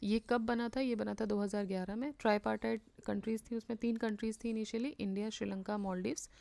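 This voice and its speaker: An Indian woman teaching a current affairs revision lesson, reading English passages slowly and explaining them in Hindi, repeating the key points to her students. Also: fairly high pitch, fairly even intonation, gravelly, warm tone.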